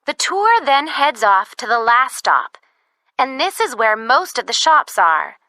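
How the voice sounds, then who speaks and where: A woman playing the announcer of a recorded phone message, giving scripted tourist information in a measured way. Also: on the high side, big pitch swings, pushed and bright, no echo, heavily acted. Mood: informative, upbeat. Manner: measured, clearly scripted presentation. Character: woman announcer on a bus tour information line.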